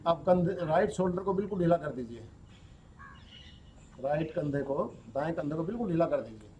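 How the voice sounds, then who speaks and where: A man leading a guided yoga nidra relaxation as a yoga teacher, giving calm, slow instructions and mixing in English words. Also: on the high side, highs cut off, slight background noise.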